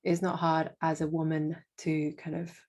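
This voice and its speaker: Young woman guest, low and even in pitch, hesitant and full of fillers. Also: normal speed. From Indonesia. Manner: hesitant, many fillers and restarts. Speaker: guest, freelance marketing manager. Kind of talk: casual interview.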